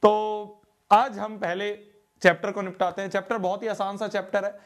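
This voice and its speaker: High-voiced guy teaching a live online class, chatty, repeats himself a lot. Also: flat delivery, moderate pace, fairly bright tone. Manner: chatty, repeats phrases often. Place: home studio.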